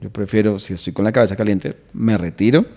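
A man's voice: on the low side, fast, gravelly, dark tone. Man, comedian guest, reflective and earnest in casual chat. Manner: earnest, reflective, explains at length. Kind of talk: casual podcast conversation.

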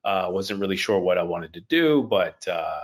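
A man's voice: sits low, lively intonation, moderate pace. A young man from Haiti, an actor guest, chatting casually on a video call, easygoing and repeating his phrases. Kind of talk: casual interview chat.

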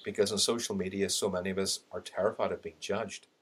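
A middle-aged Irish man, a sales and LinkedIn trainer guesting on a podcast, tells his story candidly and animatedly, acting out what he was thinking back then with laughing asides. His voice sits low, slightly rough, and quick.

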